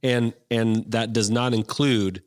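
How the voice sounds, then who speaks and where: A man's voice: mid-range voice, little pitch movement, slow pace. A man co-hosting a casual podcast, chatty and enthusiastic. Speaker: podcast co-host.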